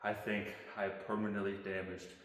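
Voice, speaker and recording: A man's voice: on the low side, flat delivery, moderate pace, fairly bright tone. A man earnestly telling a motivational story to the camera as a fitness host. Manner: earnest, self-challenging. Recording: very echoey hall with long reverb.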